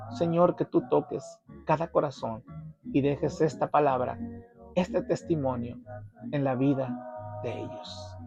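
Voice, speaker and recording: A male pastor leading a slow, solemn and reverent prayer. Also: mid-range voice, vocal fry. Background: music.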